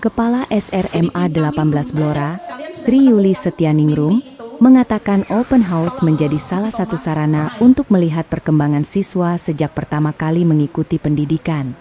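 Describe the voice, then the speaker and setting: A woman reading a scripted news report in a steady, formal voice-over. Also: low-pitched, normal speed, soft background music.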